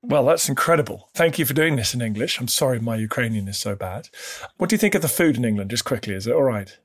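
A man's voice: mid-range voice, lively intonation, fast, husky. A man interviewing a guest, asking polite and encouraging questions.

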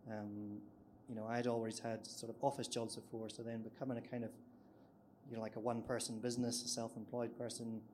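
A man's voice: mid-range voice, level tone, a little fast, a little mellow, a little hiss or hum. A man on a writers' panel, speaking candidly and laughing at his own past nerves. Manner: candid, self-deprecating, acts out his own past worries. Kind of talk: live panel discussion.

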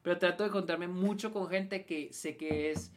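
A man's voice: sits high, steady tone, normal speed, a crowd in the background. A young man with a Mexican accent co-hosting a casual podcast, talking in a hesitant, self-deprecating way. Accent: Mexican Spanish. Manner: hesitant, self-deprecating, mulls things over. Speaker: podcast co-host. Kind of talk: casual live-stream chat.

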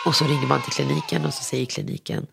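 A woman's voice: extremely low pitch, lively intonation, gravelly, background noise. A woman in her thirties frankly telling her own story, often acting out the lines of the people in it. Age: 30s. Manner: frank, emotional, acts out quoted dialogue. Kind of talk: personal storytelling. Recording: music playing underneath.

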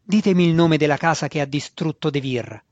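A man voicing the restless spirit of a fallen female priestess who shouts urgently, in a dull, dry recording. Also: on the high side, brisk, no room sound, close to an everyday voice.

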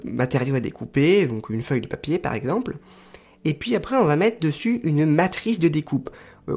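A man explaining crafting tools casually to his viewers, hesitant and pausing often to search for words. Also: fairly high pitch, a little mellow. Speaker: crafting video creator. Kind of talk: casual explanatory talk to camera.

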